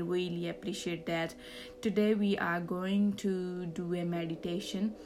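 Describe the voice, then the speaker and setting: A woman hosting a guided meditation podcast, speaking in a calm, soothing, unhurried way. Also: fairly low pitch, a little hiss or hum.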